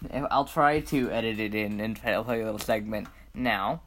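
A man's voice: on the low side, normal speed, fairly bright tone. Guy rambling on a chill podcast, lots of ums and laughs, bit of hiss behind him. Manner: rambling, giggly, with many fillers and restarts. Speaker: podcast co-host. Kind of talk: casual chat.

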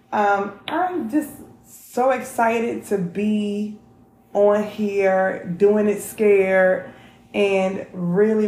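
A woman's voice: mid-range voice, gravelly, a little mellow, reverberant, low-quality recording. A woman, chatting candidly to camera in a casual vlog and swearing freely. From North Carolina. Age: 30s. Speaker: vlog host.

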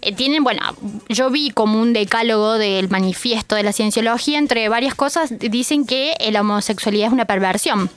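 Gossipy Argentine woman, fairly high voice. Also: fairly quick. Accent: Argentine Spanish. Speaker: co-host. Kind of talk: joking casual chat.

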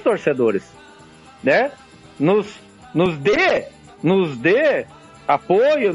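A Brazilian man delivers impassioned sports opinion in a high, husky voice. His pitch swings freely, and he repeats phrases emphatically over faint music. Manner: emphatic repetition, frequent tag questions. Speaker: radio sports commentator.

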